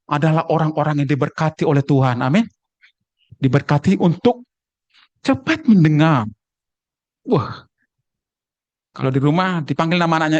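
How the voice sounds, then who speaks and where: A man preaching to his congregation, telling jokes and acting out voices as he goes. He speaks on the higher side for a man. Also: dry recording. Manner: humorous, acts out voices and dialects. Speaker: pastor. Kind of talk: sermon with jokes.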